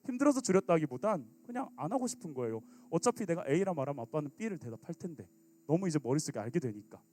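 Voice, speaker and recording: A man in his thirties preaching a youth sermon as pastor, acting out sulky teens and quoted lines with big swings in his voice. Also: fast. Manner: animated, acts out teen sulking and quotes with big pitch jumps.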